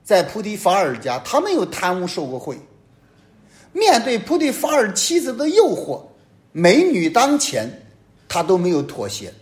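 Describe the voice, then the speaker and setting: Male priest, fairly high voice, very animated delivery, emphatic homily with loud peaks and hushed drops. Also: normal speed. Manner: emphatic preaching, sweeping rises and drops in pitch and loudness.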